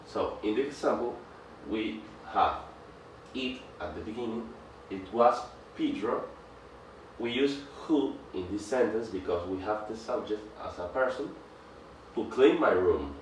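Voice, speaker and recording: Male presenter, lower voice, halting grammar lesson delivery, distant mic in a reverberant room. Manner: halting, restarts phrases, reads example sentences aloud. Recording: echoey room, off-mic, faint background noise.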